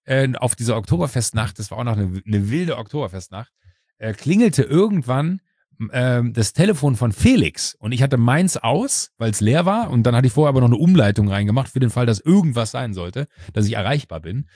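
A man hosting a casual chat who tells a personal story, acting out the voices he quotes and filling pauses with "uh". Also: mid-range voice, no room sound, studio quality. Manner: lively storyteller who acts out quoted voices, frequent "äh" fillers.

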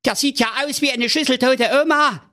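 A man's voice: steady tone, fairly quick, sharp tone. A man voicing a pompous, impatient fairy-tale king who blusters and rants in a storybook. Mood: fussy. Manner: shrill, blustering, ranting. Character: excitable fussy old king, pompous and impatient.

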